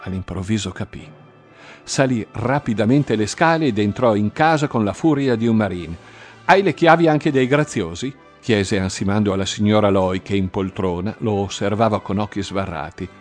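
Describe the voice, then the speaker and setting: A man reading crime fiction aloud in a measured, dramatic way. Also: on the low side, soft background music. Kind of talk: audiobook crime narration.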